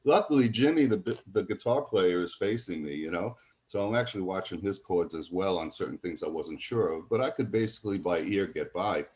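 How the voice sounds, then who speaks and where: Expressive and a little fast, his low voice carries a darkish tone. The speaker is an older man from College Point, New York, a visiting musician who rambles through stories in a relaxed interview while voicing others' lines.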